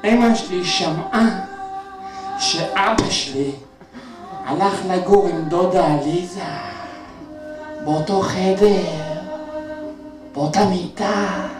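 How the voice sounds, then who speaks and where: A man's voice: high voice, pauses often, recorded from a distance, lightly acted. An actor on stage playing an earnest young boy recounting his parents' split. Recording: echoey theater from afar, with music.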